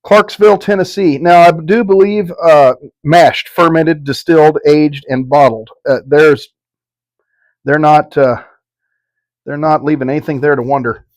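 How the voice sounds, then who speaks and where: A middle-aged man chatting casually through a whiskey tasting review, with a folksy, profane, halting delivery. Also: fairly high pitch, fairly even intonation, low-quality recording.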